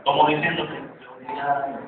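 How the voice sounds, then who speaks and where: A man preaching a sermon in a church, emphatic and repetitive, with long dramatic pauses. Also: a little high, little pitch movement. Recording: very echoey, distant, phone-like church recording.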